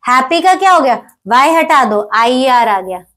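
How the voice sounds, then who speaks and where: A woman teaching a grammar lesson, explaining step by step, checking often whether students follow, and reading English example sentences slowly. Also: high voice, expressive, a bit bright.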